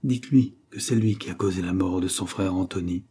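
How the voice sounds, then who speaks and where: A man's voice: fairly low pitch, moderate pace, dark tone, husky. A man voicing a proud, wild, distraught dying woman in an audiobook, vehement and prone to angry outbursts. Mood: pleading, intense. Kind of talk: audiobook character reading.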